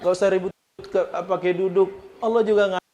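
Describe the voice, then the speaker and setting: A man preaching in a Betawi accent, voicing a caring son who gently coaxes his father in casual slang. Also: high-pitched, steady tone, a little fast, muffled recording, slight background noise, voice pushed up, close to an everyday voice. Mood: coaxing.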